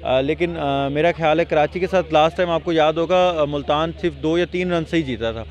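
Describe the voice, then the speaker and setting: A middle-aged man speaks with many pauses, weighing his words as he gives his views. His voice sits a little high, and he is interviewed with a handheld mic on an open stadium ground. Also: muffled recording. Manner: hesitant, thoughtful. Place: outdoor cricket stadium at night.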